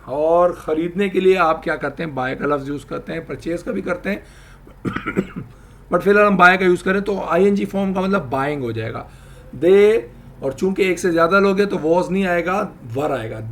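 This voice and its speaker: A man teaching English grammar, explaining slowly and repeating example sentences. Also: a little high. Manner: addresses viewers, asks them to try. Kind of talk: spoken language lesson.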